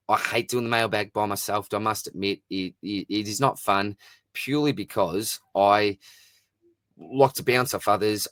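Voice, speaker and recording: A man's voice: lowish voice, a bit bright, no room sound. A man hosting a casual solo fantasy sport Q&A, talking in a chatty, matey, informal way with plenty of slang. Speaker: host of a fantasy sport Q&A show. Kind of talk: casual solo mailbag commentary, reading out questions and answering.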